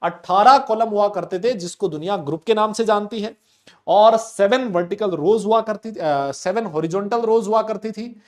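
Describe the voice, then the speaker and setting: A man teaching chemistry in a live online class, speaking loudly and repeating students' questions back to them. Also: high voice, normal speed. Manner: loud, talks to students, voices their questions back. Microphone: desk mic with level meter.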